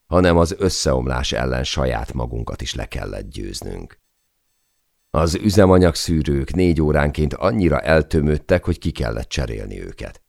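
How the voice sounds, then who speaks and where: A man reading an adventure memoir aloud as an audiobook narrator, in measured, dramatic storytelling. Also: very deep voice, gravelly, darkish tone, no room sound, studio quality.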